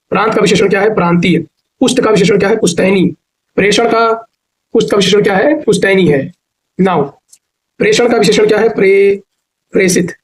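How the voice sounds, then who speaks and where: High-voiced man drilling grammar. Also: poor audio. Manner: repetitive drilling question-and-answer; stretches words to show spelling. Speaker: Hindi teacher. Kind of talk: online exam-prep lesson.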